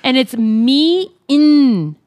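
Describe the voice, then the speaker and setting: Chica de pódcast bromista y risueña, voz seca y cercana al micro. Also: female voice, high-pitched, lively intonation, extremely slow, a little mellow, no echo. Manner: playful, giggly, teasing. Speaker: podcast co-host. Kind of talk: casual chat.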